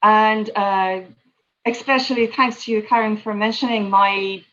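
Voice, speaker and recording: A woman's voice: mid-range voice, steady tone, measured pace, a bit bright, muffled recording. A woman greeting and thanking people graciously over a video call. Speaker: guest reader and singer.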